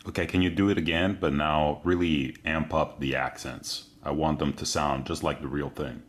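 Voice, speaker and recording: A man giving halting spoken prompts to an AI in a demo. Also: a bass voice, steady tone. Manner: halting, with fillers.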